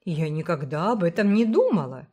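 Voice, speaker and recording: A woman voicing a brisk, kindly older village woman who speaks firmly and emphatically. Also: fairly low pitch, big pitch swings, a little mellow. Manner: firm, emphatic, motherly.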